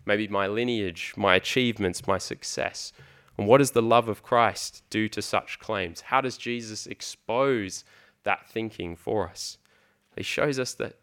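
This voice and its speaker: Low-voiced man preaching earnestly. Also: creaky, fairly bright tone. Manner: earnest, emphatic, with frequent ums and repeated words. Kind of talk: sermon.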